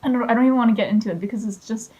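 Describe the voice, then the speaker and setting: A woman's voice: fairly high pitch, racing, darkish tone, low-quality recording. A teenage woman, telling a personal story in a candid, chatty vlog full of fillers. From China, raised in Quebec and Ottawa. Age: teens. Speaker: vlogger.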